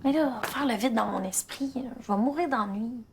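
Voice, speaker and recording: A woman voicing a chatty, impatient teenage girl in a cartoon. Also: on the high side. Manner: quick, complaining. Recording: clear background noise.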